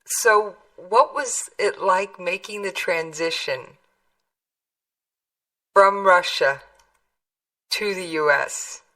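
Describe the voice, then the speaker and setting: A woman's voice: fairly low pitch, slow, pauses often, pushed and bright, far from the mic, low-quality recording. A woman interviewing someone in a casual, conversational way.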